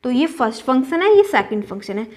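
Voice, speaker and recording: A woman's voice: high-pitched, sing-song, quick pace, a little mellow. A woman math teacher, patiently explaining a solution step by step and often checking that students follow.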